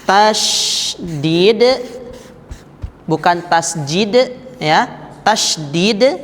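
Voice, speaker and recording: Guy teaching quran reading, goes real slow, repeats every sound, roomy mosque echo. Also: sits high, a bit bright. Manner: patient, repeats sounds and drills students. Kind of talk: slow step-by-step recitation lesson. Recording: echoey room with long reverb.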